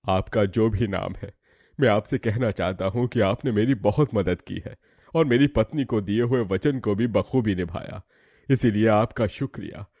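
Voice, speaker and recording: A man voicing a humble husband and father in a cartoon story, speaking softly, politely and in a measured way. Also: on the low side, dry recording. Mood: grateful. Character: humble grateful male husband, recovered father.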